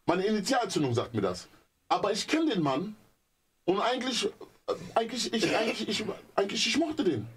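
A man's voice: high voice, brisk, husky. A man telling a story in casual chat, acting out phone calls and repeating himself. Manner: animated, repetitive, acts out phone calls.

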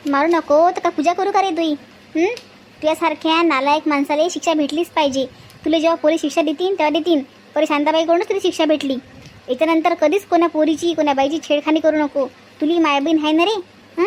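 A woman's voice: very high voice, a little hiss or hum. A woman voicing a fierce middle-aged village auntie who scolds hotly, speaking with a Varhadi Marathi accent. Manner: scolding, fiery, righteous.

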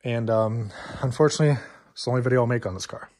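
A man's voice: mid-range voice, fast, noisy background. A young man telling a casual story-time vlog outdoors in the cold, out of breath, rambling with lots of fillers. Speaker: car vlogger.

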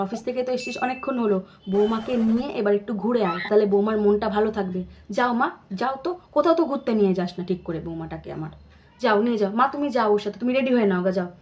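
A woman playing a kind, fussy mother-in-law who coaxes her new daughter-in-law along in a comedy sketch, talking fast. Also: on the high side, darkish tone, close to an everyday voice. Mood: scolding. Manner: fussy, coaxing, talks fast. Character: doting kind mother-in-law, middle-aged, fussing over her son's wife. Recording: echoey room with faint noise.

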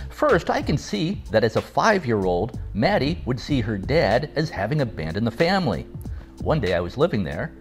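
A man in his sixties giving a measured, animated explanation with wry asides, recorded seated at home. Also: medium pitch. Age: 60s. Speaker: father responding to a video. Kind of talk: scripted video response. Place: home room, seated in leather armchair.

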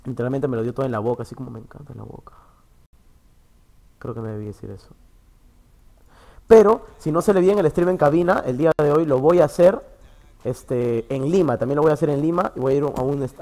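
This is casual livestream talk from a man in an internet café booth whose Spanish accent is Peruvian. Chatting with viewers, he gets easily excited, swears freely, and flips between booming outbursts and soft grumbling.

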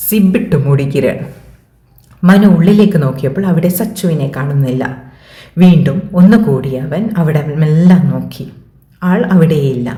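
A woman reading a story aloud as its narrator, in a steady, reflective way. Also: low voice, roomy sound.

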